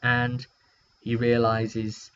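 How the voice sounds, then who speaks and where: A man with a mid-range, monotone voice draws out his words, sounding slightly bright and smooth. He's a game master casually recapping a tabletop session, rambling wryly and acting out short quotes along the way. The dull lo-fi mic picks up a hum.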